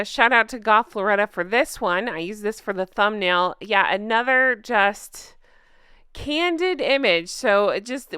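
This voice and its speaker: A woman hosting an online recap show with animated, casual, sarcastic and gossipy chatty commentary. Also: medium pitch, clean tone, no room sound, studio quality. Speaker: YouTube recap show host.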